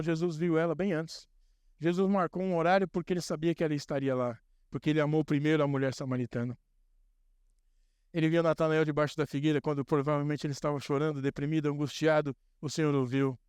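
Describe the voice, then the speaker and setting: Male pastor, repetitive build-up preaching, clear resonant tone, dry sound. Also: a little high, a little mellow, no room sound. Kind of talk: sermon.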